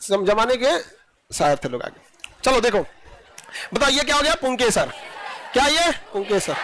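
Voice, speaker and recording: A man's voice: extremely high pitch, noisy background. A male teacher teaching a biology class, quizzing students and joking with them in a classroom. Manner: playful, jokes with students, quizzes them repeatedly.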